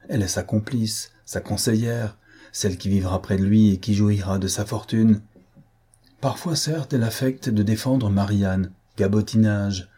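A man reading a novel aloud in a measured, dramatic audiobook narration. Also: fairly low pitch, dark tone, slightly rough.

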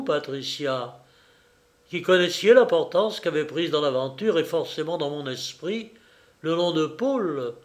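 A man voicing a calm, self-assured gentleman thief who explains things at an unhurried pace. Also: fairly high pitch. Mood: reproachful. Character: cool, smug gentleman thief, adult male.

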